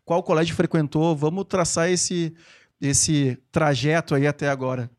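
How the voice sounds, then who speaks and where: A man's voice: fairly high pitch, fairly even intonation, normal speed, no echo, studio quality. A man hosting a casual podcast, chatting in a playful, teasing, slangy way. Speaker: podcast host. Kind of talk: casual podcast interview chat.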